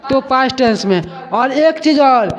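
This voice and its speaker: Slow, high-voiced male teacher drilling a class. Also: animated. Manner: slow and repetitive, drilling students with questions. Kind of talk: classroom grammar lesson. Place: classroom with students. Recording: dull lo-fi classroom recording.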